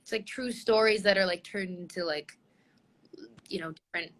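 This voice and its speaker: A woman's voice: medium pitch, normal speed, a bit bright. A young woman guesting on a casual livestream chat, effusive and giggly, with lots of filler "like". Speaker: guest singer.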